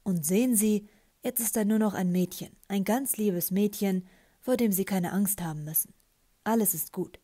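A woman's voice: on the low side, normal speed, warm tone, natural voice. A woman voicing a young man who speaks in a soothing, hypnotic tone.

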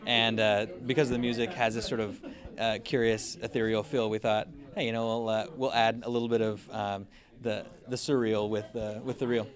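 Deeper-voiced man in his 30s, co-director, relaxed halting answers, handheld mic. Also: crowd noise. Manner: easygoing, halting with fillers. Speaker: music video co-director. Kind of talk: red carpet interview. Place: festival press wall, indoors. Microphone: handheld interviewer mic.

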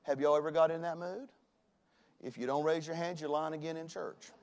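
A man's voice: fairly high pitch, steady tone, a little fast. Emphatic pastor in his forties. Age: 40s. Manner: emphatic, swings from loud to hushed. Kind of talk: sermon. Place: church sanctuary.

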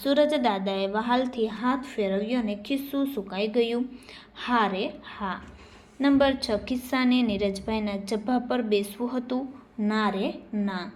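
A woman teacher reading out workbook answers and giving dialogue lines an expressive lift. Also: on the high side, a little hiss or hum. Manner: reads dialogue lines with lively, expressive emphasis.

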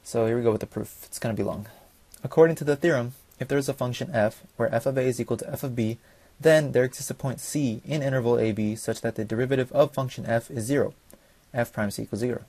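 Young man, student presenter, rapid delivery, mellow dark tone, reading notes with slips. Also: medium pitch, no echo. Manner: fast, reads from notes with small slips. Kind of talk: read school presentation.

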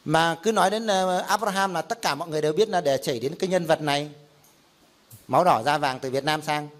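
A man's voice: on the high side, a little fast. A middle-aged man, a pastor teaching a Bible class in a conversational style, explaining with examples and rhetorical questions.

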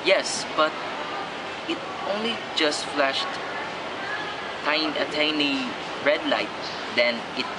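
Puzzled young male support caller played by a man, stilted and halting, very noisy outdoor street recording. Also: fairly high pitch, lively intonation, distant mic. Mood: puzzled, polite. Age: young adult. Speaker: customer phoning support. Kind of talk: scripted call center role-play. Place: outdoors by parked cars. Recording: outdoor street, loud traffic noise.

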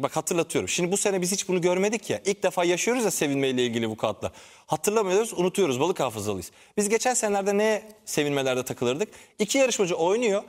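A man's voice: sits high, long reverb tail. A man on a TV panel show, arguing his point insistently and explaining with examples. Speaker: TV panel commentator. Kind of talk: heated panel debate.

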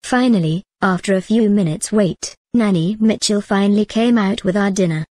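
A woman reading a story aloud in a measured, even manner. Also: mid-range voice, no echo. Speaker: narrator. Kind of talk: storybook narration.

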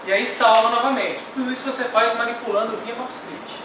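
A middle-aged workshop instructor with a very high, fairly even-toned voice speaks briskly, explaining technical material step by step and ending phrases with "tá?" to check in. The lecture, in a classroom with a projector screen, is picked up by a far camera, sounding echoey, distant and noisy.

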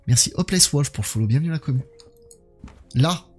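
A man's voice: fairly high pitch, animated, fast talker. Chatty male horror-game streamer over music. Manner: chatty, talks to his audience. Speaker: livestreamer. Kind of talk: live horror game commentary, chatting with viewers. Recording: music playing behind the voice.

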